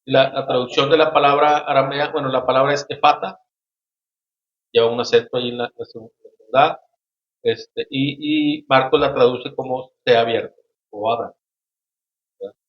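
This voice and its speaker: A man hosting a casual Bible study discussion, speaking haltingly with many restarts and frequent tag questions. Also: medium pitch, fairly even intonation. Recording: roomy, dull lo-fi sound.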